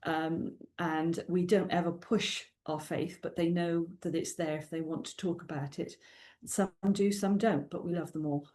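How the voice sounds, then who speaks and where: A middle-aged guest author from South Wales, a native Welsh speaker with a Welsh accent, chats in a casual interview, warm and talkative, laughing often and saying "um" a lot. Her voice is low-leaning and steady, at a normal speed.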